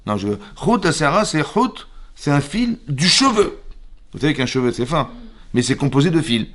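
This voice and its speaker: A man, a rabbi, leads a Torah class in a synagogue. He talks in a lively way, checks often that his listeners follow, and acts out the voices in the stories he tells. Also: fairly high pitch, normal speed. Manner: lively, asks the audience questions; acts out quoted dialogue.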